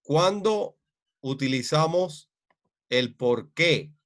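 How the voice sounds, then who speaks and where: Slow, halting male teacher. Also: fairly high pitch, expressive, a bit bright. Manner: slow, halting, many fillers and repeated rhetorical checks. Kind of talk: online class lecture.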